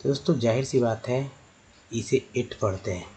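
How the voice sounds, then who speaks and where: A man's voice: medium pitch, moderate pace, warm tone, slight background noise. A man teaching English pronunciation, explaining step by step, repeating words and correcting himself as he goes. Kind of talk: explanatory lesson.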